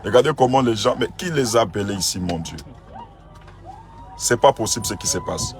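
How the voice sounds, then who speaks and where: Exclaiming pastor outside a church. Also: male voice, lowish voice, lively intonation, a little fast. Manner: exclaiming, repeats himself in disbelief. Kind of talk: phone video to followers, then addressing a crowd. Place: outside a church among a crowd.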